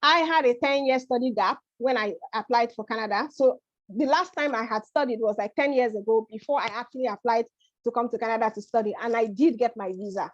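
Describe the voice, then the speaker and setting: A woman's voice: fairly high pitch, fairly quick, dry recording. A middle-aged woman from Nigeria giving an informal webinar presentation, chatty and often checking in with "okay?". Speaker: immigration advisor presenting a webinar. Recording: dry, dull lo-fi audio.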